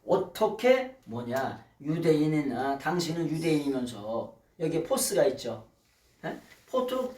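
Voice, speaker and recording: A male pastor preaching a Bible study sermon, acting out dialogue and often prompting the congregation with questions. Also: on the high side. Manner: animated, acts out dialogue, keeps asking "예?". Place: church sanctuary. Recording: echoey room, mic from far, faint noise.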